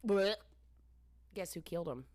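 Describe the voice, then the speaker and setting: A woman's voice: lowish voice, expressive, measured pace, darkish tone. A woman co-hosting a podcast, telling a story in a casual, rambling way that keeps doubling back on itself. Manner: rambling, self-interrupting, trails off. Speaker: podcast co-host. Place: basement room used as bar and storage.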